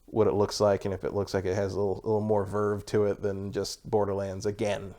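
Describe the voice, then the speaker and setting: A man with a fairly low voice chats casually as a co-host. His delivery is halting and noncommittal. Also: monotone, warm tone. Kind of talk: casual chat.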